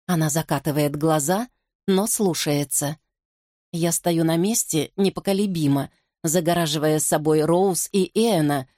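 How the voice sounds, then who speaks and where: A woman reading a first-person audiobook narration in a measured, composed manner. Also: sits low, mellow, no room sound, clean studio sound.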